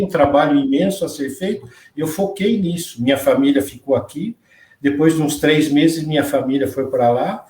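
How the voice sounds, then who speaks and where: A man's voice: on the high side, a little mellow. Earnest man, roomy distant sound. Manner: earnest storytelling, quoting others in dialogue. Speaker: interview guest. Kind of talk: personal testimony in a live interview. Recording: roomy echo, distant from the mic.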